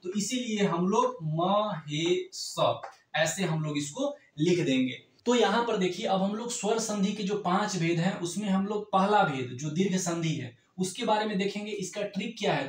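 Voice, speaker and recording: A man's voice: high voice, far from the mic. A man teaching an exam-prep grammar lesson, explaining step by step and checking in with the class often. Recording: echoey room, voice off-mic.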